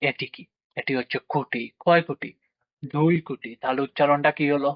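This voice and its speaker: A man's voice: on the high side, fairly even intonation, brisk, no echo. Man teaching children maths at a board. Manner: asks questions and answers them himself, with frequent check-ins. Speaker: math teacher. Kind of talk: classroom lesson for children. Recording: dry, dull lo-fi sound.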